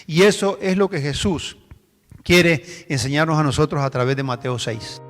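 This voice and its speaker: High-voiced man preaching in a reverberant hall. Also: moderate pace, soft background music. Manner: storytelling, conversational with rhetorical questions to the congregation. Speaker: pastor. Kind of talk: sermon.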